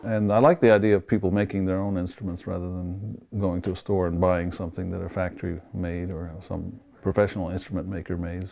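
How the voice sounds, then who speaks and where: A man from Sweden who builds instruments, explaining his work in an interview in an unhurried way with fillers. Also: low voice, flat delivery, creaky, a little mellow. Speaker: instrument maker.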